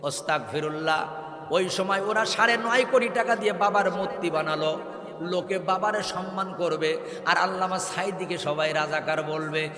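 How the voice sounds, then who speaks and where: A man preaching a waz sermon in rhymed, chanted lines that build to shouts, calling on the crowd to answer him. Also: high-pitched, normal speed, roomy sound, big-room sound.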